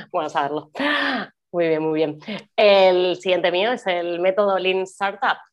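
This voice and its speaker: A woman's voice: lowish voice, slow. A woman co-hosting a podcast, chatting casually about books with friendly laughs and fillers. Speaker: podcast co-host. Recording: dull lo-fi audio.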